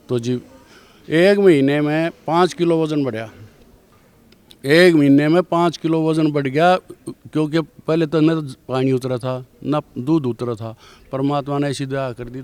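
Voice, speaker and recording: Older man, smooth dry voice. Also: medium pitch, darkish tone, no room sound. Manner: rambling, with many restarts. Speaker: devotee giving testimony. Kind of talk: personal testimony storytelling.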